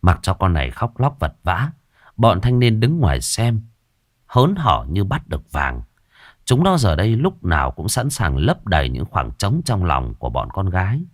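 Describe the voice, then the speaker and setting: A man's voice: low voice, wildly swooping pitch, moderate pace, no echo, studio quality. A man, narrating a ghost story in a crude, colloquial way.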